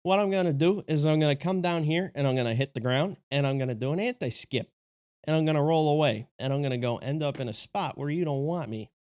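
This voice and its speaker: A man's voice: a little high, fast, darkish tone, clean tone, lightly acted. A man doing a cocky tough-guy flying disc. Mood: swaggering. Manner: swaggering, threatening wise-guy talk.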